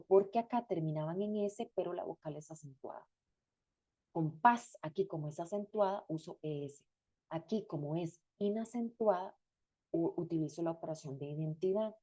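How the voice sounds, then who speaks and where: A woman's voice: on the low side, mellow. A woman teaching a grammar class, explaining step by step and repeating each example word. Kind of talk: recorded lecture.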